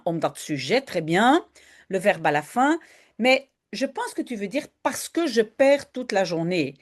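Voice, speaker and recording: A woman's voice: a little high, darkish tone. A woman teaching Dutch, patiently correcting a student's writing and explaining the grammar step by step.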